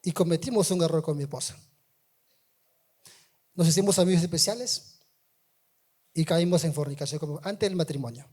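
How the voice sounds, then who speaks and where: A middle-aged man giving a sermon testimony, moving from quiet storytelling to loud, emphatic calls to the congregation. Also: a little high, normal speed, pauses often.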